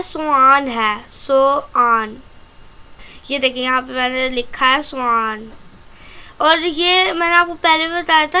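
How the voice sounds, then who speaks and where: A woman with a Pakistani Urdu accent teaching an online language lesson, slowly repeating each vocabulary word and calling her viewers friends. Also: sits high, pushed and bright. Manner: slow, careful repetition of vocabulary.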